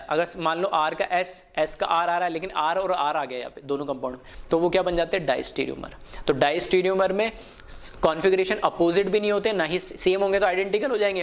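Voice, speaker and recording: Male chemistry tutor, slightly high pitch, quizzes himself aloud, dictates definitions word by word. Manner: slow, dictated English definitions; asks questions then answers them. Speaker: chemistry teacher. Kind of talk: online lecture.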